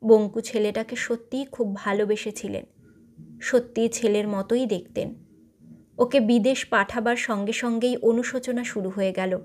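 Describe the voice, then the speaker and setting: A woman storyteller reading a short story aloud in a measured, expressive narration. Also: on the high side.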